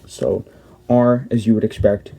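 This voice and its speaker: A man's voice: lowish voice, steady tone, measured pace, creaky, warm tone. A young man hosting a casual step-by-step tutorial, explaining plainly and often correcting himself mid-sentence. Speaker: cube tutorial host.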